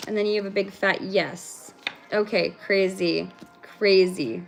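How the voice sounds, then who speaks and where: A woman's voice: medium pitch, steady tone, unhurried, vocal fry, faint music behind. A woman giving a livestreamed spiritual card reading in a rambling, casual way, swearing freely. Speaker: spiritual reader.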